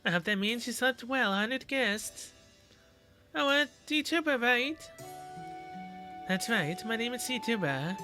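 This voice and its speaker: A man voicing a gentle, polite young woman servant who speaks softly and a little nervously. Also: very high-pitched, expressive, slow, long pauses, soft background music, exaggerated voice. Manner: soft-spoken, courteous, slightly nervous.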